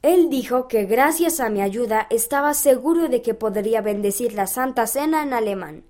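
A woman reading aloud a children's magazine story as scripted narration, in a calm, even storybook manner. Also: on the high side, normal speed.

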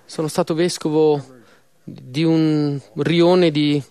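A man interpreting a church sermon in an earnest, measured way with slow pauses. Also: on the high side, level tone, dark tone.

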